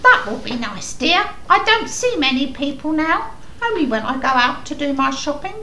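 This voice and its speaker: A woman's voice: high-pitched, sing-song, normal speed, bright, forceful tone, roomy sound, a little hiss or hum, heavily acted, poor audio. A woman playing a cheerful old woman who is hard of hearing and mishears everything, in a comic radio play. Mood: doddery. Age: older. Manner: mishears everything, sweet and chatty. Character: deaf old woman Mother Hubbard, cheerful and muddled.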